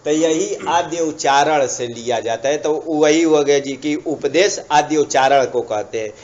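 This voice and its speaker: A man's voice: a little high, unhurried, darkish tone. Man teaching grammar, lo-fi. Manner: repetitive, checks understanding with asides. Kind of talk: explanatory grammar lesson. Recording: dull lo-fi recording.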